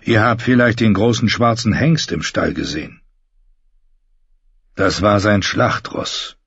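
A man voicing a weary middle-aged holy man, a former knight, speaking quietly and confessionally in an audiobook. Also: on the low side, measured pace, husky, no room sound, heavily acted. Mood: regretful. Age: 40s. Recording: dull muffled recording.

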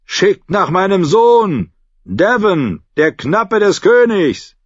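A man voicing a weary, stubborn middle-aged knight who calls out loudly and pleads. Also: sits high, sing-song, slow, no room sound, voice pushed up, full character voice. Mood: calling out. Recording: dull lo-fi, dry.

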